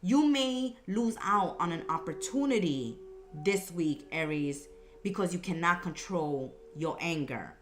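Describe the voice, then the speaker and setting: A woman's voice: fairly low pitch, animated, a little slow. A woman giving a conversational, improvised mystical horoscope reading, emphatic and repeating phrases for effect. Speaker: tarot and horoscope reader, host.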